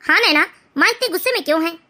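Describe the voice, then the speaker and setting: A puzzled grown son in an animated story, voiced by a woman. He asks questions in a high, bright voice that moves a lot. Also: rapid-fire, full character voice. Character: confused adult son.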